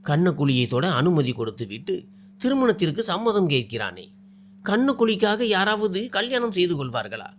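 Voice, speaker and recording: A man voicing a shy, frightened young woman who speaks softly and hesitantly. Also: high voice, sing-song, normal speed, a little hiss or hum. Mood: startled. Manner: hesitant, trembling, soft-spoken.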